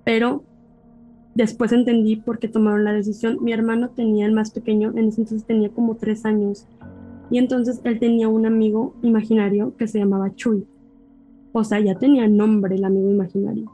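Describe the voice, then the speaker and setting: Her voice a little high and her pace a little fast, a podcast guest with a Mexican accent relates a personal anecdote, animatedly voicing her family's lines. Soft music plays in the background of the poor-quality audio.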